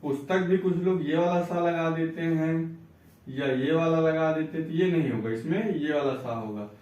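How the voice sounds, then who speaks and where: Male teacher, patient explainer, slightly high voice, recorded off-mic in a booming room. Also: darkish tone, far from the mic, lo-fi sound. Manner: explains patiently, repeats words slowly, asks and answers his own questions. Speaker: Hindi teacher. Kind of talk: spelling and reading lesson. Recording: echoey room, voice away from mic.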